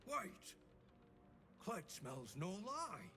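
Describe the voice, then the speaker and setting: A man's voice: high voice, sing-song, very slow, long reverb tail, heavily acted. A man playing an odd, simple and wary companion in a fantasy video game. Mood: wary, curious. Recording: loud music behind the voice.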